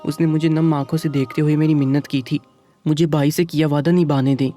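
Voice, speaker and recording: Mellow-voiced man narrating a story. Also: a little high, flat delivery, soft background music. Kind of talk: first-person story narration.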